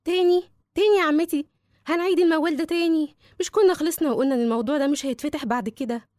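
A woman's voice: sits high, rapid-fire, darkish tone, no room sound, clean studio sound, lightly acted. A woman with an Egyptian accent playing a strong-willed teenage schoolgirl in a drama, firm, sassy and emphatic. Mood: fed-up, firm. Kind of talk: dramatic dialogue.

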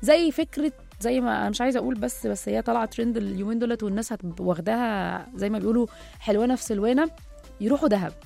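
Egyptian woman radio host, high voice, gravelly edge, quick chatty delivery, faint music behind. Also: dark tone. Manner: chatty, talking straight to listeners. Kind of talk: casual radio talk show.

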